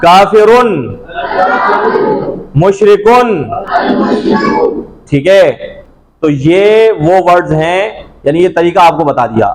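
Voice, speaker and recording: A male teacher runs a grammar drill in a classroom. He projects loudly across the room and keeps pressing the students with repeated questions until they answer. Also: fairly high pitch, lively intonation, measured pace, crowd noise, rough recording.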